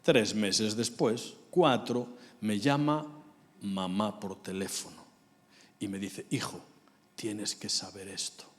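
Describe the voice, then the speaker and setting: A man's voice: fairly low pitch, steady tone, slow pace. A man preaching a sermon in a church, telling personal stories and shifting between near-whispers and raised, emphatic phrases. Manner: storytelling, swings from hushed whispers to raised emphatic lines. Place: large church hall. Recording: reverberant church hall.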